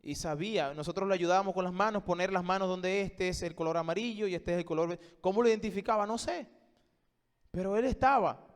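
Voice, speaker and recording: A male pastor preaching a sermon, moving between hushed and emphatic lines with rhetorical questions. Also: high voice, quick pace, smooth. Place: church. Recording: long church reverb.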